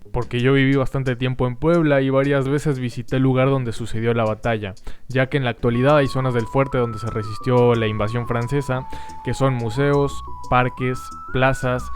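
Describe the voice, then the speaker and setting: A man, host of a history channel, calmly answering viewer questions in scripted narration. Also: medium pitch. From Mexico and Argentina.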